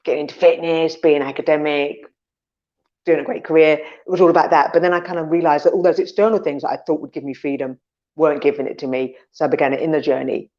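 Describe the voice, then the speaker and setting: A woman's voice: deep voice, fairly even intonation, fast talker, darkish tone, highs cut off. A woman co-hosting a casual podcast chat, talking animatedly and acting out her inner voices, with some swearing. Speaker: podcast co-host.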